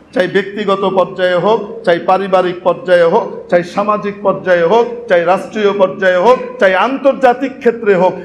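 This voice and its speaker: Casting: emphatic male imam delivering a sermon, raised pitch, reverberant hall. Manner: emphatic, asks the congregation rhetorical questions. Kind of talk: Friday sermon. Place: mosque. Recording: echoey mosque hall with faint noise.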